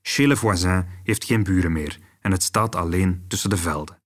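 A man's voice: deep voice, normal speed. A man with a Flemish accent reading scripted true-crime documentary narration as the host. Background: music.

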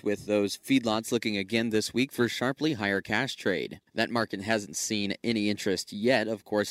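A man's voice: lowish voice, no room sound. An American man reads a scripted radio farm report with news and market prices as a broadcast reporter. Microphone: close studio broadcast microphone.

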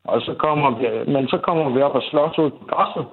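A young man talking candidly in an interview, halting, swearing and restarting his sentences often. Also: mid-range voice, husky. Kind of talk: candid interview about family conflict. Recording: tinny phone-like sound.

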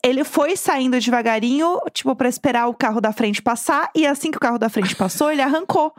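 A Brazilian woman with a bright, high voice and a Brazilian Portuguese accent. She tells a story in a lively, casual way and laughs often. The sound is dry and close, with no room echo, as on a video call. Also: fairly quick. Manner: animated, laughs often while telling a story. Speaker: podcast co-host.

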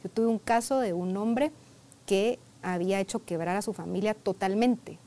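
A woman's voice: medium pitch, normal speed, warm tone. Conversational woman therapist telling a case. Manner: conversational, peppered with "¿verdad?" and "o sea"; re-enacts dialogue from sessions. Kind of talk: storytelling in a conversational interview.

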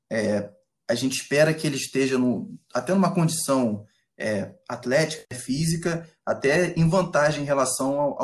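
Mid-pitched Brazilian man, halting football reporter. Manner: halting, pieced-together phrasing. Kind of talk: casual spoken analysis.

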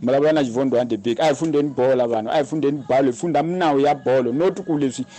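A man's voice: medium pitch, rapid-fire, mellow. A South African man calling a sports show with a casual, opinionated complaint, repeating himself as he goes.

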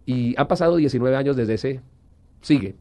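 A man's voice: medium pitch, normal speed, mellow. A middle-aged man giving an earnest personal testimony as an interview guest, sometimes slipping into a preacher's manner.

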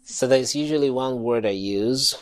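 A man from Ghana, a choir singer telling his story as a guest in an interview. He is earnest and animated and acts out what others said to him. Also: mid-range voice, moderate pace.

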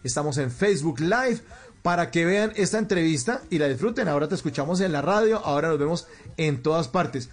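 A male radio host with a fairly high voice for a man. He presents and asks questions in a live interview. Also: lively intonation, fairly quick.

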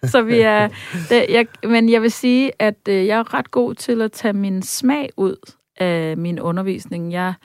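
A woman's voice: mid-range voice, no echo, studio quality. A woman who works as a vocal coach, talking in a casual interview with lots of fillers and bursts of sung examples. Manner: lively, demonstrative, often sings out examples; frequent hesitation fillers. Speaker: vocal coach and session singer.

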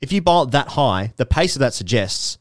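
A man's voice: mid-range voice, big pitch swings, fairly quick, no room sound, clean studio sound. A man co-hosting a podcast in casual chat, wry and laying out his arguments point by point. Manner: wry, argues his case with repetition. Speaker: podcast co-host.

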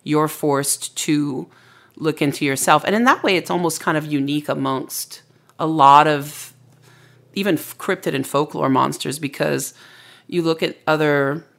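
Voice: mid-range voice, measured pace, vocal fry, a bit bright. A storyteller being interviewed, explaining folklore in a casual, reflective, conversational way. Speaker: storyteller and author interviewed as a guest.

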